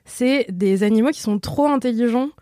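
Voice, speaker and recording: A woman's voice: a little high, normal speed, dry recording, studio quality. Woman telling slangy anecdotes. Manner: lively storyteller, slangy.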